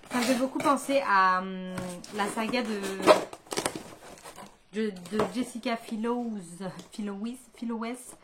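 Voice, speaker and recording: A woman's voice: fairly high pitch, unhurried, very noisy. A woman chatting casually in a book vlog, hesitant and thinking aloud, full of fillers and restarts. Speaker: book vlogger. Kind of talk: casual chat.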